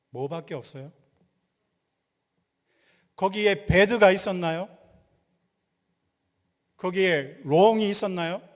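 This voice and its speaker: Man preaching in a reverberant hall. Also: high-pitched. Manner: lively, quizzes the congregation and jokes. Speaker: pastor. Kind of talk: sermon. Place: church sanctuary.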